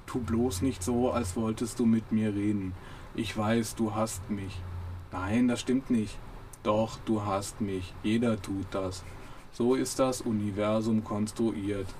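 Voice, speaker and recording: A man voicing a depressed, self-pitying male robot, speaking in a slow, flat, mournful drawl for an audio book piece. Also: medium pitch, slight background noise, close to an everyday voice. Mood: glum. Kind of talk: audio book reading set to music.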